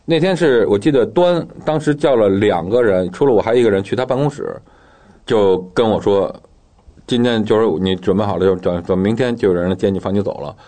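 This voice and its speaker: A man's voice: lowish voice, a little fast, mellow. A man telling his own story in casual talk, acting out the dialogue as he goes, with guitar music behind him.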